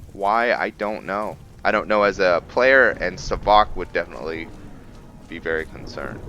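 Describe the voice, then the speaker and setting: With a low voice that comes out pushed and bright, a gaming video host muses to himself through casual roleplay gameplay commentary. Game music plays under him, along with a little hiss or hum.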